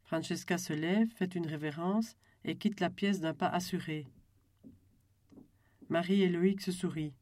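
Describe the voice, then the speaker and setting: An audiobook narrator reading a novel in a calm, even storytelling voice. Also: medium pitch, unhurried.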